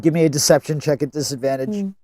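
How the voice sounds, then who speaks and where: Male game master, slightly higher register, dry recording, deliberate narration. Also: dark tone, no echo. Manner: deliberate, rules-focused.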